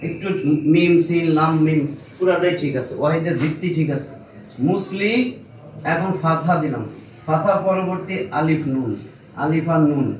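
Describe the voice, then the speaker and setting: A man teaches a small class in an informal way, patiently working through each step and stopping to check that his students understand. His voice sits a little high for a man. It sounds roomy and a bit distant, with a faint hiss underneath. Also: normal speed. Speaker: Arabic grammar teacher. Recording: echoey room, mic at a distance, faint noise.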